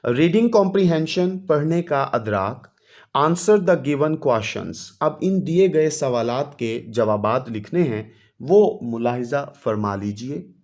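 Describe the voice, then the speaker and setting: A man teaching a primary English lesson, reading each English line slowly and then explaining it. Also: mid-range voice, animated, a little mellow.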